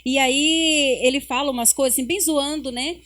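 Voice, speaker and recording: A woman's voice: sits high, steady tone, moderate pace, fairly bright tone. A middle-aged mother sharing family stories and her faith testimony on a church podcast. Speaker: podcast guest. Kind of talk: casual church podcast conversation.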